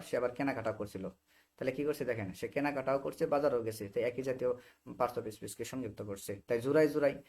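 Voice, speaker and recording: A young man with a Bangladeshi Bengali accent teaches English grammar to students on a video call. He repeats short phrases again and again and keeps asking whether they follow. His voice sits at an ordinary middle pitch for a man. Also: a little mellow. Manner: explains by repeating short phrases, checks understanding often. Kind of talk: online spoken English class.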